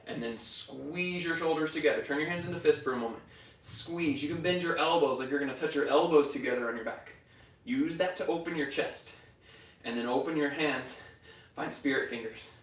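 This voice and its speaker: A male yoga teacher leading a class through poses with calm, breath-paced cues. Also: a little high, fairly quick. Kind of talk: guided yoga class instruction. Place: yoga studio. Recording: roomy studio echo from far off.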